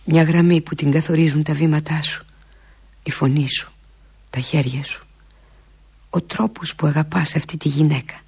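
A woman performing a theatrical monologue as a lovesick woman pleading with an absent lover, intimate and often slipping into breathy half-whispers. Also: low-pitched, fairly even intonation, pauses often, darkish tone, full character voice. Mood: wistful.

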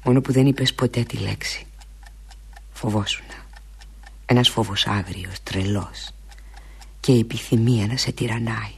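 A woman playing a husky, heartsick lover. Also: rumbling low, fairly even intonation, long pauses, exaggerated voice. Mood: longing. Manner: intimate, pleading, drifting into breathy half-whispers. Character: lovesick woman pleading with an absent lover. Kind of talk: theatrical monologue.

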